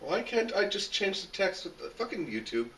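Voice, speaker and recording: A young man from Canada in casual, animated banter, ranting with exasperation about his own film. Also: high-pitched, normal speed, noisy background. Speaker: filmmaker in home sketches.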